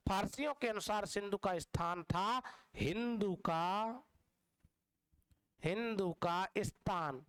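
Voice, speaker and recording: A man's voice: high-pitched, a bit bright, smooth, poor audio. A man teaching an exam-prep lesson, explaining patiently with repetition and drawing out key words as he speaks to his students as dear children. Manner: drawn-out stressed words. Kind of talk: exam-prep Hindi lecture.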